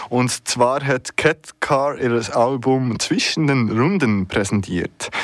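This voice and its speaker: A man presenting a music radio show in a relaxed, chatty way, with hesitant fillers and self-corrections. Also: mid-range voice, dry recording. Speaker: radio host.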